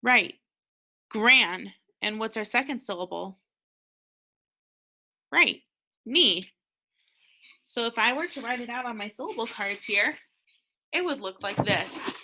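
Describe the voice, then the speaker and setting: An American woman teaches a phonics lesson to second graders, speaking slowly and with a bright, crisp tone. She is patient and encouraging, leaving pauses for the children to answer. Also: fairly high pitch, lively intonation.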